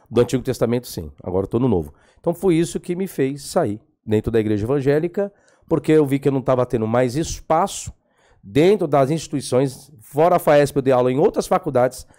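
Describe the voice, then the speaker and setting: A man, a theology professor telling stories as a podcast guest and acting out the dialogue. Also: medium pitch. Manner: animated, acts out dialogue. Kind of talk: storytelling interview.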